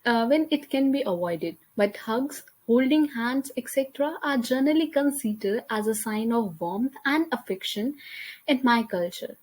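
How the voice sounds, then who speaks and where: A young Indian woman, a native Hindi speaker with an Indian accent, reads her class presentation as a voice-over on slides through a computer mic. She paces herself carefully and makes small slips, her slightly high, slightly mellow voice moving at normal speed with lively intonation.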